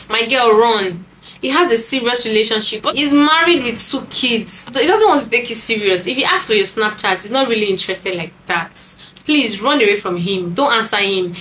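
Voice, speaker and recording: A woman's voice: fairly high pitch, bright, forceful tone, a little hiss or hum, low-quality recording. Sassy woman giving dating advice. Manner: sassy, emphatic, scolding asides. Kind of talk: casual talk to camera.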